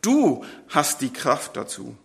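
A preacher speaks as a calm divine voice that offers steady, measured reassurance. The tone is bright and fairly high. A long hall reverb trails each phrase. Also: male voice, vocal fry, slightly rough, heavily acted. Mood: reassuring.

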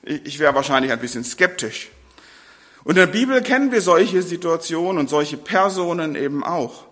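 A man preaches a sermon and reads from the Bible, speaking earnestly and turning straight to his listeners. His voice is high and bright. The sound rings out with a long hall reverb. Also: expressive, normal speed. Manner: earnest, addresses the congregation directly.

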